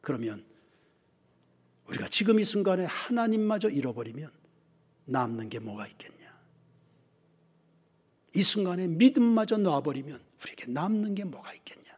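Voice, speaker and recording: A male pastor voicing an ailing elderly mother in a sermon story, speaking in a hushed, half-whispered way. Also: high-pitched, sing-song, moderate pace, pauses often, husky, full character voice. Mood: tender pleading. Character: poor, ailing elderly mother, gently pleading.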